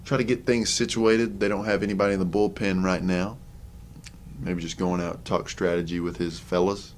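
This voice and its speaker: Young guy calling baseball, real low voice, casual chatty commentary, bit of background noise. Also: moderate pace. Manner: relaxed, chatty, offhand asides between pitches. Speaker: play-by-play announcer. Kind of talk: sports commentary.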